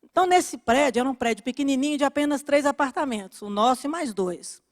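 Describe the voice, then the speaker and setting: A woman pastor preaching a sermon, telling a story and acting out the dialogue in a lively way. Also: sits high, fast, in a large hall.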